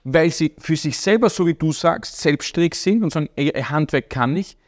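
A man's voice: fairly high pitch, normal speed. A man interviewing a guest, talking in long emphatic ramblings with frequent restarts. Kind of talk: casual interview talk.

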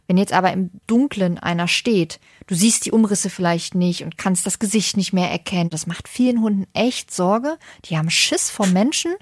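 A woman's voice: mid-range voice, normal speed, hardly any pauses, no room sound. Woman, dog trainer, patient explaining tone, dry close sound. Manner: explains patiently with everyday examples. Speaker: dog coach guest. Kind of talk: casual podcast chat.

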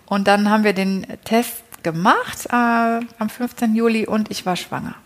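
A woman's voice: a little high, fairly even intonation, normal speed. Chatty woman telling her story. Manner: chatty, frequent tag questions and self-restarts. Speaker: interview guest. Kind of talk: casual personal storytelling.

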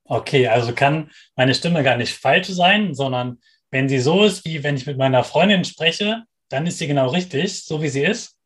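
A man's voice: a little high, normal speed, a bit bright. A man hosting a children's podcast, friendly and restating the answers from a child's point of view. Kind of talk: interviewing for children.

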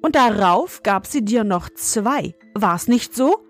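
A woman's voice: mid-range voice, animated, takes it slowly, soft background music. A woman voicing a small, stern grey old forest gnome in a storybook reading, with a thin, fine voice and a scolding, proud manner.

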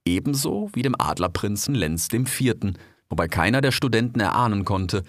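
A man narrating a storybook in long, winding descriptive sentences. His voice sits on the lower side and moves with lively melody. The sound is close and dry. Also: normal speed, dry recording.

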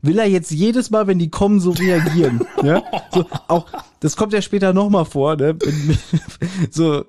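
Male podcast co-host, slightly high voice, casual and laughing recap style. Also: measured pace, warm tone, slight background noise. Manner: chatty, retells the plot with frequent laughs. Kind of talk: casual episode discussion.

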